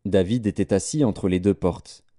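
A man reading scripture aloud in a measured, solemn way. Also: low voice, mellow, no room sound, clean studio sound. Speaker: scripture reader.

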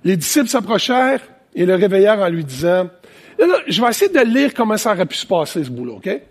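A man with a Quebec French accent preaching an animated, conversational sermon with plenty of asides. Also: high voice, fast, breathy edge. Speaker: pastor. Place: church, preaching to online viewers.

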